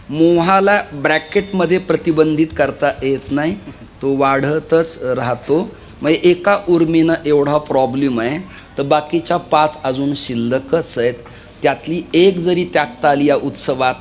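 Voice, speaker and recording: A man's voice: fairly high pitch, slight background noise. A man preaching a kirtan sermon, telling stories and repeatedly urging the audience to listen. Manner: lively storytelling, often urging listeners to listen.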